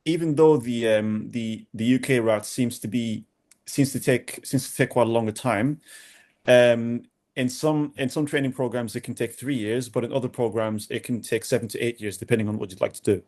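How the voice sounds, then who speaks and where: A young man from Sudan, a doctor answering podcast interview questions in a halting way with many restarts and repeated words. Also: medium pitch, steady tone, a little mellow. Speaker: doctor, guest.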